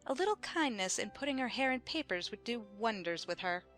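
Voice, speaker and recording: A woman's voice: a little high, lively intonation, a little fast, a bit bright. A woman playing a bossy, pedantic queen who contradicts like a schoolmistress in an audiobook drama. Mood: condescending. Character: bossy, pedantic Red Queen, an imperious chess-piece monarch. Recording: music behind the voice.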